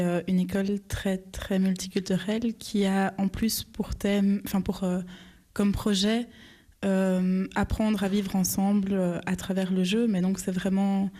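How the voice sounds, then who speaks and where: Even, warm-toned young woman teacher. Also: medium pitch. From Brussels. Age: young adult. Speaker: primary school teacher. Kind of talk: radio panel discussion.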